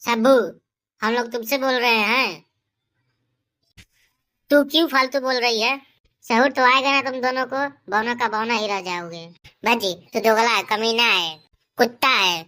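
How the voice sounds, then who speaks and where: A woman's voice: on the high side, fairly even intonation, measured pace, long pauses, sharp tone. A woman voicing cheeky, bickering village boys in a comic cartoon.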